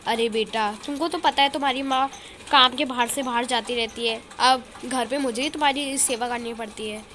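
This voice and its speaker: A woman voicing a gentle young aunt who pleads softly and tearfully. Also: a little high, steady tone, moderate pace, a little hiss or hum, close to an everyday voice. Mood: kind. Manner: soft, pleading.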